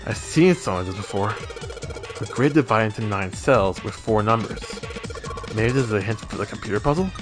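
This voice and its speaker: A man's voice: lowish voice, expressive, moderate pace. A man doing a let's play, reading game dialogue and narration aloud and sometimes stumbling over and rereading lines. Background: video game music.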